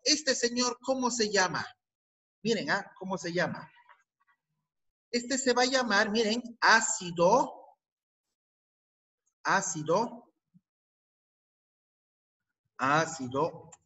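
A man's voice: extremely high pitch, bright, forceful tone, poor audio. A man teaching a chemistry class with a Peruvian Spanish accent, asking students questions and repeating their answers. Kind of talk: online class lesson.

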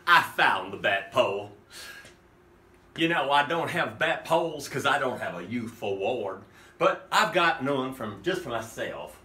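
A costume maker in middle age hosts his vlog from a home office full of props, playing to viewers like a campy kids' TV host and often chuckling. His medium-pitched voice is very animated, pushed and bright, at a measured pace. The audio is roomy, recorded from a distance.

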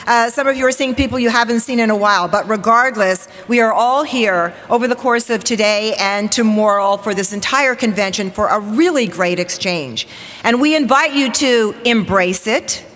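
Standing at a stage lectern in a big hall, a forties-aged TV weather presenter gives a cheerful, formal welcome and stirs up the audience. She sounds fairly bright and on the high side, captured through the lectern mic amid a long reverberant tail.

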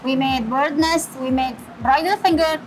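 A middle-aged woman chef with a Syrian accent, answering interview questions in halting English with many pauses, in a small restaurant kitchen. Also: high-pitched, steady tone, slight background noise, rough recording. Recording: background music.

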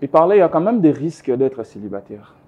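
A man's voice: fairly high pitch, very animated, fast, a little mellow, muffled recording. A young man hosting a TV studio interview, asking questions with hesitant fillers and short affirmations. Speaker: TV host. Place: TV studio set. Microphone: lapel mic.

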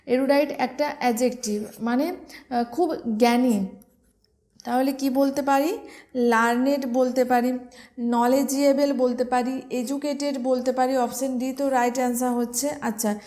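A woman's voice: high voice, steady tone, unhurried, dark tone. A woman with a Bengali accent teaching English vocabulary for exams, explaining each word step by step and spelling it out letter by letter. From West Bengal, India. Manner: explains step by step, spells words letter by letter, asks and answers own questions. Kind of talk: exam-prep vocabulary lesson.

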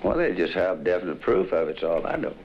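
Deep-voiced hesitant man on vintage vinyl. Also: expressive, quick pace, slight background noise. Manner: hesitant, brief, plain answers. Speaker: eyewitness. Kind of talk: answering interview questions. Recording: dull vintage 1960s vinyl record.

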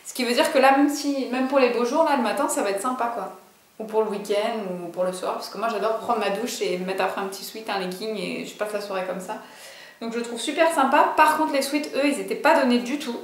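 A woman's voice: a little high, brisk, reverberant. A young woman vlogger chatting casually through a clothing haul, bubbly and full of fillers and asides.

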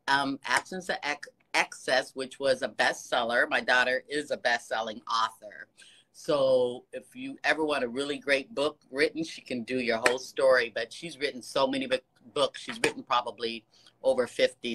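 An extremely low-pitched voice belongs to this American woman in her sixties, a fan chatting casually on a phone video call with the camera held close. She is gushing and warm, full of praise, encouragement, and frequent laughter. The office she is in has ceiling lights, and the background is noisy.

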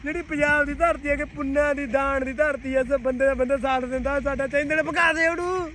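Man acting a very high-pitched, pleading Punjabi village YouTuber. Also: fairly even intonation, fairly quick. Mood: wailing complaint. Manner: loud, plaintive, repetitive pleading. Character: desperate, aggrieved, half-dead village YouTuber begging for subscribers. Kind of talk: comedy skit, mock plea to viewers. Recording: faint outdoor traffic noise.

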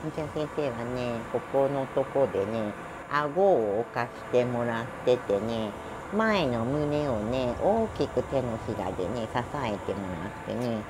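A woman's voice: a bass voice, lively intonation, measured pace, background noise. A middle-aged woman with a Kansai Japanese accent, a cat groomer talking through a grooming demo in a chatty way, tagging phrases with little asides and giggles. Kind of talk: grooming demonstration talk.

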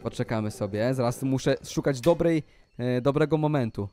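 A young man giving excited gameplay commentary for a video, with panicky shouts and yelps. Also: mid-range voice, normal speed, slight background noise. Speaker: gaming youtuber.

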